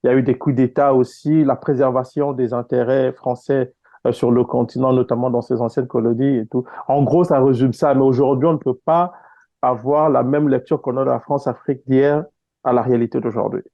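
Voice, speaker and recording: Guest, male, from Congo, measured explainer with hesitations, dull lo-fi call sound, dry. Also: medium pitch, fairly even intonation, mellow, dry recording. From Congo (DRC). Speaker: guest author. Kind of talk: interview answers. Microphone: online call.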